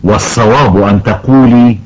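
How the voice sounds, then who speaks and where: A man playing an elderly grandfather who patiently teaches Quran recitation rules to his granddaughter, slowly drawing out example words. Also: on the low side, a little mellow, close to an everyday voice. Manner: slow, careful explaining, stretches out example words. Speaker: tajweed teacher. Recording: dull lo-fi recording.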